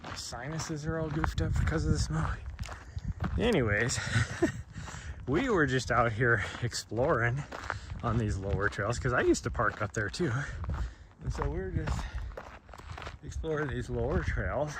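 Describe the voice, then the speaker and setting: A man's voice: medium pitch, lively intonation, measured pace, long pauses. A man chatting casually while out on a trail, rambling with frequent laughs and a throat scratchy from smoke. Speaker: trail runner vlogger. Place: outdoors on a trail. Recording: noisy outdoor recording.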